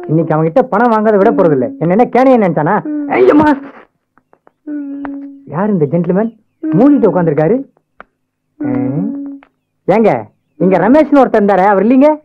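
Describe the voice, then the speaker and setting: An actor playing an excitable man in a Tamil film comedy, out to get his money back from a friend. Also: high-pitched, normal speed, long pauses. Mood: excited, indignant. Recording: dull lo-fi film audio, music behind.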